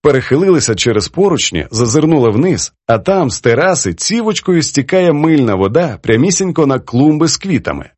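High, lively male audiobook narrator. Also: fairly quick, few pauses, husky, no room sound. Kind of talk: scripted narration.

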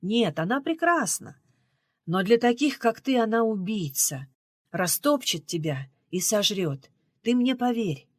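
In an audiobook, a weary middle-aged man speaks gruffly and with dry irony, as a woman reader voices him. His lecturing tone swings lively up and down, and the recording is dry and close. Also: mid-range voice, unhurried, no echo. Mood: grim.

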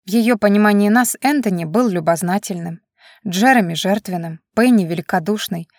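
Woman, first-person audiobook narrator, calm and reflective, mid-pitched, dry. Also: normal speed, no room sound.

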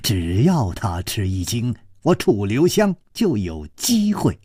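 Animated, slow male storyteller. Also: lowish voice, slightly rough, no room sound, studio quality. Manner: animated, theatrical storytelling with drawn-out phrasing. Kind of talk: storytelling broadcast narration.

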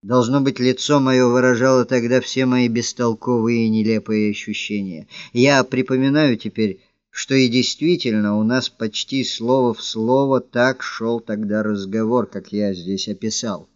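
A man reading a classic novel aloud as a first-person narrator, in a measured and reflective manner. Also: mid-range voice, steady tone, no room sound, muffled recording. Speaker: audiobook narrator.

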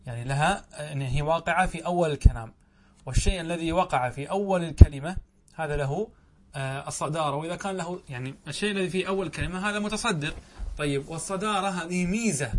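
Guy giving a grammar class, voice a bit high, keeps quizzing then answering himself. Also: slight background noise. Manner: asks questions and answers them himself, drawing out words. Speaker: Islamic scholar teaching Arabic grammar. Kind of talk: classroom lesson.

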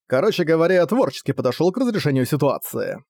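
A man's voice: fairly high pitch, sing-song, quick pace, gravelly, a little mellow, no room sound, full character voice. Man reading as a flippant cunning prince. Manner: casual, mocking. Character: young male prince, cool, cunning and flippant.

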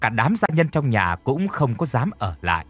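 A man narrating a horror story in a dramatic, expressive storytelling manner. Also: medium pitch, moderate pace, breathy edge.

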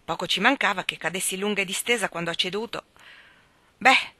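A woman's voice: mid-range voice, brisk, sharp tone, no echo. A woman voicing a blunt, fretful middle-aged housekeeper in an audiobook, grumbling as she talks.

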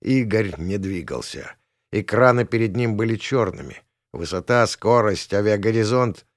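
Low gruff guy reading a first person audiobook, dead dry sound. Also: animated, normal speed, no room sound. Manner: gruff, colloquial. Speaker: audiobook narrator.

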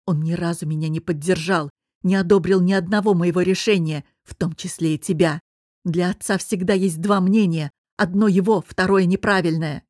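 A woman's voice: moderate pace, a little mellow, no echo, clean studio sound, close to an everyday voice. A woman reading an audiobook voices a stubborn young husband who growls his words through his teeth. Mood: angry. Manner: low growling insistence.

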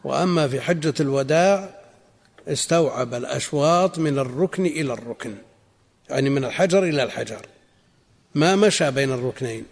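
Gravelly scholar teaching in a reverberant hall. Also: male voice, mid-range voice. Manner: measured, explanatory, repeats phrases for emphasis. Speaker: Islamic scholar teaching a text. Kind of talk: religious lesson explaining a text.

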